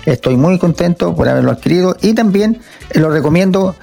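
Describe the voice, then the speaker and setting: An elderly Chilean man in his seventies gives a caller testimonial. His voice is gravelly and soft-edged, with faint music behind it. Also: high-pitched, lively intonation, a little fast. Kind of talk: spoken testimonial in an interview.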